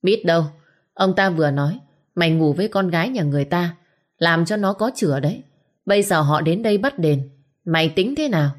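A woman's voice: lowish voice, animated, brisk, lightly acted. A woman voicing a cold, domineering old patriarch who speaks curtly and mockingly. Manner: curt, mocking. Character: cold, domineering old father of a rich house.

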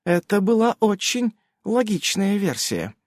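A man doing a prickly, doubting young woman from a storybook, clipped and skeptical, her voice raised and lively, recorded close and dry. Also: high-pitched, measured pace, dry recording, pitched above the performer's own voice. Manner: curt, skeptical. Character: suspicious sharp-tongued young woman, bristling.

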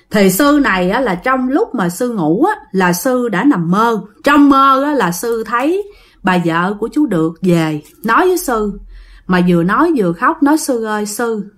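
A Southern Vietnamese woman tells a ghost story in a relaxed, chatty manner. Her voice sits somewhat high, and she keeps calling out to her listeners as she goes. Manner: animated, addresses listeners directly. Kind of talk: casual spoken ghost story.

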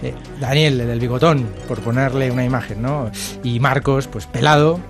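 Chatty radio host. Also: male voice, mid-range voice, fairly even intonation, normal speed, music in the background. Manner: chatty, informal, hesitant with fillers. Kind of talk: radio presenting.

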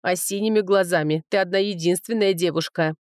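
A woman's voice: on the low side, fairly even intonation, a little fast, no echo, studio quality, lightly acted. Woman doing a brash, scoffing young man. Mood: brusque. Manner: brusque, scoffing. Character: brash, mocking young man, hot-tempered.

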